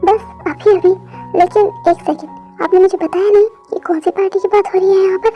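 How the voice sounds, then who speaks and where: A woman's voice: very high voice, fairly even intonation, fairly quick, dull audio, soft background music. A woman voicing a cheeky, attention-seeking young woman in a fan dub. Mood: chirpy.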